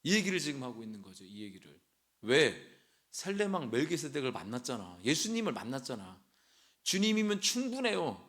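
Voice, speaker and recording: A man's voice: medium pitch, sing-song, a little fast, fairly bright tone. A young adult man preaching a sermon as a pastor, talking in a conversational way, dropping into casual speech and acting out short quoted lines.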